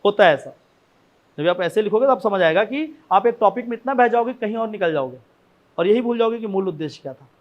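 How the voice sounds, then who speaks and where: A man a notably high voice lectures a class on essay writing. He talks in a loose, conversational way, often stopping to check that his students follow. He asks rhetorical questions and keeps coming back to his main points. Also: animated, quick pace, highs cut off. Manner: conversational, frequent "ठीक है ना" check-ins.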